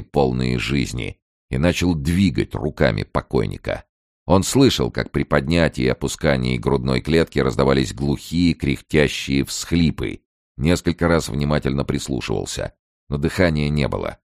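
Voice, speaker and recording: Very deep-voiced male audiobook narrator. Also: gravelly, no room sound, studio quality. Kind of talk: dramatic novel reading.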